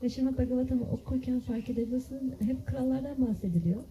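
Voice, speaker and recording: A woman interpreting a sermon line by line, quickly, with hesitant fillers. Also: sits high, mellow, a little hiss or hum, rough recording.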